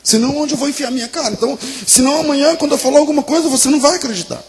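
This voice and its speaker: A preacher playing a stern mother who lays down the rules to her son. She speaks in firm, measured phrases with a gravelly low grain, in close to his own voice. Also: steady tone, darkish tone, a little hiss or hum, lightly acted. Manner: firm, measured, turning pleading.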